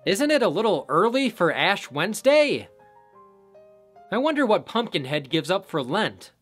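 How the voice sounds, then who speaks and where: A man's voice: high voice, sing-song, normal speed, fairly bright tone, soft background music. A man recapping a horror movie as a reviewer, with sarcastic joking asides. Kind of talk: comedic film recap narration.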